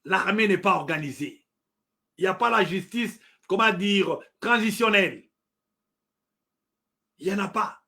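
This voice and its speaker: A man's voice: sits high, unhurried, creaky, long pauses, sharp tone. A middle-aged man with a Congolese French accent, giving impassioned political commentary, emphatic and full of repetitions and hesitations. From Democratic Republic of the Congo. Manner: emphatic, repeats points, hesitant fillers.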